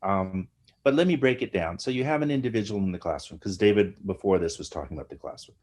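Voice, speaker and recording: A middle-aged American man, an academic guest, explains ideas in an animated lecturing way, often tagging his points with "right?". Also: fairly low pitch, fast. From United States. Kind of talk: explanatory interview talk.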